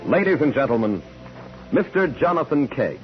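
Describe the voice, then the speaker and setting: A man's voice: medium pitch, sing-song, moderate pace. A man announcing a 1940s radio show in a solemn, portentous, dramatic style. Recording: dull old radio recording under music.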